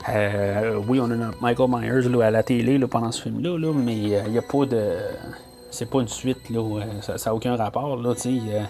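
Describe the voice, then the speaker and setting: A man's voice: mid-range voice, fairly even intonation, normal speed, darkish tone, faint music behind. Hesitant Québécois man reviewing a film. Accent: Québécois French. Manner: hesitant, many fillers and restarts. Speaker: podcast host.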